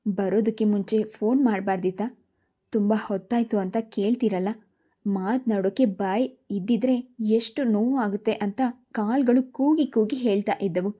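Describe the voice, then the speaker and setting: Woman narrator voicing a theatrical young man, teasing, exaggerating, dark mellow tone. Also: mid-range voice, moderate pace, close to an everyday voice. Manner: dramatic, exaggerating.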